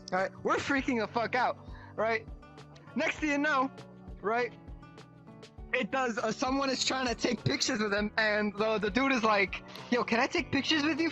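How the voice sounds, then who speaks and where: A visitor in a social VR world telling an animated story, excitable, swearing and tagging lines with "right?". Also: medium pitch, muffled recording. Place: social VR world over voice chat.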